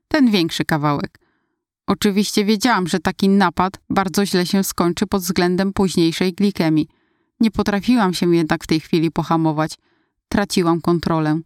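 A woman narrating a first-person story in a calm, confiding way. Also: lowish voice, normal speed, no echo, clean studio sound. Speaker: audiobook narrator.

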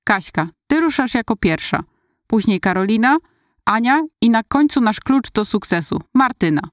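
A woman's voice: on the high side, expressive, moderate pace, dry recording, clean studio sound, voice pushed up, lightly acted. A woman voicing a pushy middle-aged male school track coach who gives urgent, rallying commands.

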